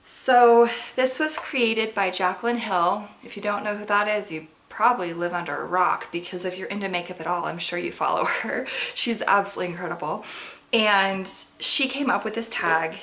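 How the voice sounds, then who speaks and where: A woman's voice: medium pitch, moderate pace, a bit bright. A woman in her twenties chatting casually to viewers as a beauty vlogger, in a bubbly, gushing sorority-girl manner full of emphatic words and "like". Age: 20s. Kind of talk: casual makeup tag chat to viewers. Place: carpeted bedroom at home, indoors.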